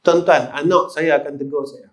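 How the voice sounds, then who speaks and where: This sermon comes from an older man with a Kedah Malay accent whose voice is on the high side, steady in tone and normal in speed. He tells stories to the congregation and keeps speaking to them directly, calling them sirs.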